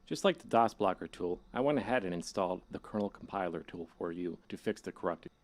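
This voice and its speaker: Playing a low-pitched hacker character, a man guides a newcomer through a horror game like a scripted tutorial narrator, casual and wry with an ominous undertone. He's expressive and a little fast, and the mood is instructive yet casual.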